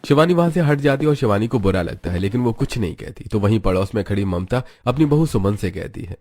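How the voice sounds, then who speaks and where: A man giving scripted narration for an animated story in a steady manner. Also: lowish voice, fast, no room sound.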